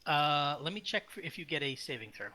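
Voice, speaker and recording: A man's voice: a little high, fairly quick. A man running a tabletop game as game master, talking loosely and stopping often with fillers and restarts. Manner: relaxed, hesitant with many fillers and restarts.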